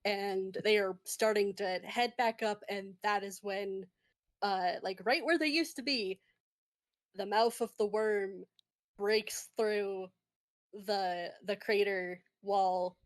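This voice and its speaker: A woman narrating a tabletop game as game master, halting and full of fillers, laughing often. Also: medium pitch, fairly even intonation.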